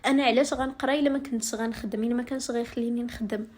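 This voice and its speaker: A young woman with a Moroccan accent tells viewers her own story. She speaks quickly, in a rather high voice, recounting everything in an aggrieved first-person way. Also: fairly even intonation, a little mellow, slightly rough. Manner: rapid, aggrieved first-person retelling with acted quotes.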